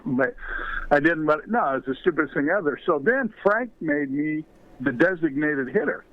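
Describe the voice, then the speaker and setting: This older man, a former ballplayer turned author, rambles through anecdotes on a podcast interview, leaning on plenty of fillers. His voice sits a little high and sounds expressive, moving at a moderate pace over a phone connection.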